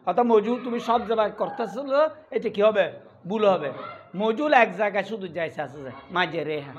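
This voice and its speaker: High-voiced man drilling a class. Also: fairly quick. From Bangladesh. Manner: drilling, asks questions and answers them himself. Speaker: Quran recitation teacher. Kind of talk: classroom lesson with call and response. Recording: dull lo-fi sound with faint noise.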